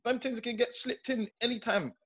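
A man's voice: extremely high pitch, steady tone, moderate pace, bright, forceful tone. A man with an urban London roadman accent, arguing emphatically in street slang in a heated casual discussion.

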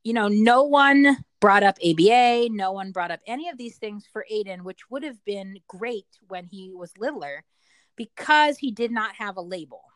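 A woman's voice: mid-range voice, lively intonation, moderate pace, no echo. A middle-aged woman telling personal stories as a parent in an interview, talkative and explanatory, repeating words for emphasis. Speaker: parent interviewed about their child. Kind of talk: personal storytelling in conversation.

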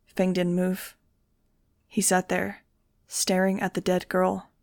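A woman reads a fan-fiction audiobook in a steady, even voice. Her tone is low-set and gravelly, with a flat melody. The sound is close and dry. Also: takes it slowly, dry recording. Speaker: audiobook reader.

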